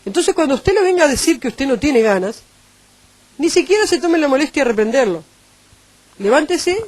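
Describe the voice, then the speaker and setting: A woman with a Uruguayan Spanish accent preaching a sermon, animated and acting out the voices she quotes. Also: sits high, no room sound.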